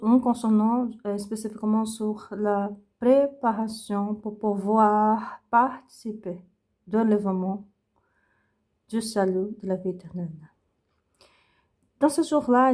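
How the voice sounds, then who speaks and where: Woman, mellow relaxed voice, slow pace, halting, repetitive, unscripted religious testimony. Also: mid-range voice. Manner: halting, searching for words, repeating phrases.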